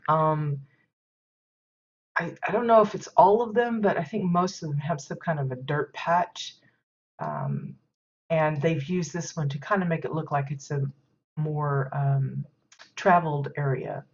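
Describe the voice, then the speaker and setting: A woman hosting a game stream, touring player housing in casual commentary, stuffy-nosed and rambling with many fillers. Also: deep voice. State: stuffy nose from sneezing. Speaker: game stream host giving housing tours. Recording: dull lo-fi stream audio.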